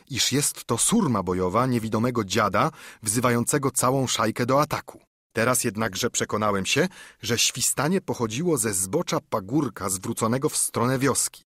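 A male audiobook narrator reads in a steady, measured way, his voice husky at a middle pitch. The sound is dry and close to the mic. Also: dry recording. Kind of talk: scripted narration.

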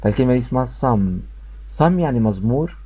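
A man's voice: medium pitch, lively intonation, warm tone, slightly rough. A man with an Egyptian Arabic accent teaching an English lesson, drilling each word by repeating it and talking straight to his students. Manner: repeats words slowly to drill pronunciation; addresses students directly. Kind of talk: classroom lesson explanation.

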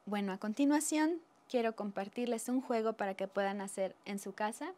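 Expressive woman storyteller. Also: medium pitch. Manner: slow, expressive, drawn-out reading. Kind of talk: children's storytelling.

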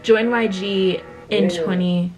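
In a home room with music from the clip playing behind her, the teenage reaction vlogger, eighteen, laughs her way through a video and talks to "y'all." Her mid-range voice stays steady and slow, and the audio quality is poor.

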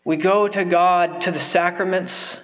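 His voice sits high and steady, bright-edged, delivered at a measured pace on a low-quality recording. The young preacher speaks into a pulpit mic from a wooden pulpit in the sanctuary, giving an emphatic, heartfelt sermon. He hammers his points by repeating phrases.

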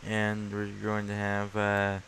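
Young man, low voice, slow drawl, lots of ums, casual screen-recording chat. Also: completely flat delivery, a bit bright, slight background noise, low-quality recording. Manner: rambling, many ums and pauses. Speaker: YouTuber showing his desktop.

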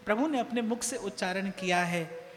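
A man's voice: high voice, normal speed, a bit bright. A man giving a devotional sermon in a temple hall, speaking emphatically and repeating phrases for effect. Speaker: spiritual discourse speaker. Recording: long hall reverb, faint music behind.

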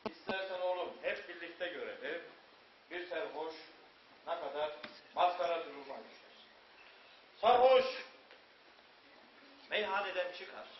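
An actor playing a moralizing father who tells cautionary tales on stage, with dramatic pauses. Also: high-pitched. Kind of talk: stage storytelling narration. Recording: echoey, muffled, noisy distant stage recording.

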